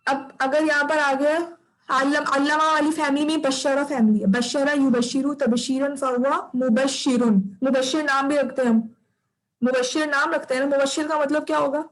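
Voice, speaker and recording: A woman's voice: sits high, flat delivery, fairly quick, fairly bright tone, low-quality recording. A woman teaching Arabic grammar in an online class. She repeats each term patiently and checks that students follow.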